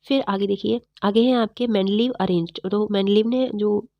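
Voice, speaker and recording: Woman, chemistry teacher, fast quizzing lecture, slightly unwell, dry close sound. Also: mid-range voice, fairly even intonation, no echo, muffled recording. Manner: fast-talking, repetitive quizzing of students. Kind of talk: online exam-prep lecture.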